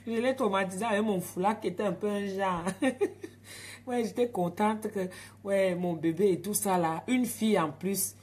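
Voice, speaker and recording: A woman's voice: medium pitch, moderate pace, a little mellow. A woman with an African French accent, telling stories and chatting straight to her viewers on a casual live stream from home at night.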